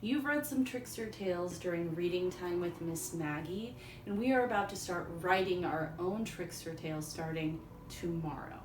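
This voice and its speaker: A woman teacher reading a storybook aloud for young children, in simple, deliberate phrases. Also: lowish voice. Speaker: elementary school teacher. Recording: echoey room, distant mic, faint noise.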